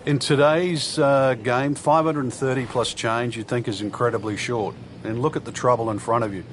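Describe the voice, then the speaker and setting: A man working as a golf commentator, giving thoughtful, measured color analysis in a conversational way for a video game. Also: mid-range voice, steady tone, close to an everyday voice. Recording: noisy outdoor crowd ambience behind. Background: crowd and outdoor noise.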